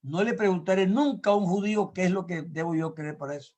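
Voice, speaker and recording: An older man preaches in a high, light voice. He teaches with emphatic insistence, doubling back on words to hammer a point. He leans on homely examples and checks that his listeners agree. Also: fast, a little mellow. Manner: emphatic, repeats words when stressing a point; explains with everyday examples, asks listeners to agree. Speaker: pastor. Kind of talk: sermon teaching.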